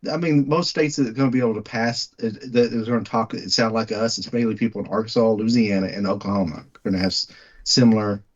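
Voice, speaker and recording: Texas guy w/ west texas twang, talks fast, opinionated movie chat, kinda muffled lo-fi audio. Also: on the low side, fairly even intonation. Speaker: movie podcast co-host. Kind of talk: casual film discussion.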